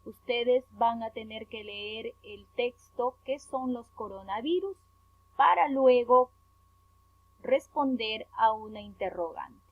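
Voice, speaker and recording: A little high-pitched and slow, this woman from Peru talks primary schoolchildren through a worksheet during a remote lesson. Each syllable gets stressed as she spells words out, captured on dry, tinny audio like a phone call.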